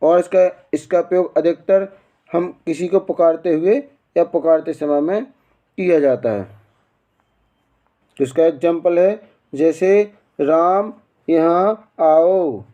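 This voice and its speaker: Male teacher, high, warm voice; drills students with questions he answers himself. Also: takes it slowly, long pauses, dull audio. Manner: quizzing, repeats answers, asks and answers own questions. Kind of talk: exam-prep grammar lesson.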